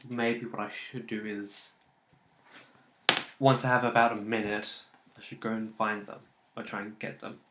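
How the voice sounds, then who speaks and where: A man's voice: fairly low pitch, little pitch movement, moderate pace, pauses often, a bit bright, echoey room, a little hiss or hum. A man commentating casually on a game he is playing, muttering and swearing at his failed attempts. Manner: muttering, swearing at failures, rambling. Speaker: let's play host.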